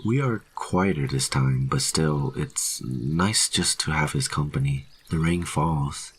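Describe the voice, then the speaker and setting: A man reading a first-person horror story in a steady, grim narration. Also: a bass voice, slow pace, slight background noise.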